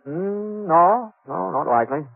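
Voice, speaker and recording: A high, expressive, creaky voice with no room sound belongs to a man giving a full character performance as a humble, polite wandering gunslinger. He speaks haltingly and hesitantly, his phrasing a folksy drawl, in a dull-sounding 1950s radio western recording.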